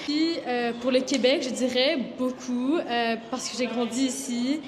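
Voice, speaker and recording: Brisk young woman in an echoing hall. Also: high-pitched, steady tone. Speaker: interviewed student. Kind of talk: casual interview. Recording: reverberant hall with crowd.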